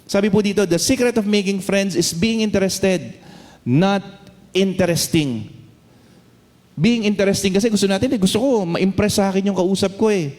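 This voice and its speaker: A man with a Filipino accent preaching a sermon, switching between English and Tagalog, reading Bible verses slowly and often checking in with "no?". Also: sits high, a little mellow. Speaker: pastor. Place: church hall. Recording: long hall reverb.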